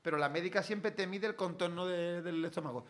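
A man in his forties from Cádiz with an Andalusian accent, chatting jokily as the interviewee in a relaxed group talk. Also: high-pitched, a little fast. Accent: Andalusian Spanish, from Cádiz. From Cádiz, Spain. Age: 40s. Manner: chatty, jokey, laughs often. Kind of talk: casual chat.

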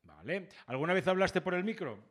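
A man hosting a casual radio interview, chatty and teasing, firing quick follow-up questions. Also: high voice, lively intonation, fairly bright tone. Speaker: radio host.

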